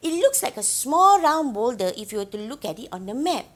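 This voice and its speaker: An actress with a Singaporean accent, playing a young woman who fondly recalls her island village childhood, gently telling her story and asking the listener questions. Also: fairly high pitch, big pitch swings, brisk. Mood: reminiscing. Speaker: actor in a monologue. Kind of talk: theatrical storytelling monologue to the audience.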